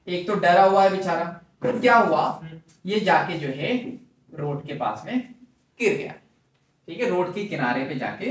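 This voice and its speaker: Animated male trainer in an echoey room. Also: a little high, far from the mic. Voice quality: conversational, repeats phrases. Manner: animated, drawing on slides while talking. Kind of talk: storytelling lesson.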